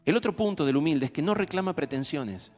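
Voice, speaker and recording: With a brisk delivery and a voice on the high side, a man preaches a conversational sermon, animatedly performing everyday dialogues. Soft music sounds in the background of the reverberant hall.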